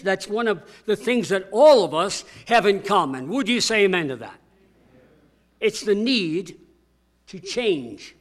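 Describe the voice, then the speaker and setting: An older pastor preaches a sermon to his church congregation, booming and emphatic, slowing down to stress key words.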